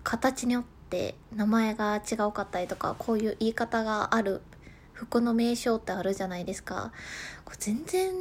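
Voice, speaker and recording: A woman with a Kansai accent hosting a solo talk show, reading listener letters in a calm manner and laughing at herself. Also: on the high side.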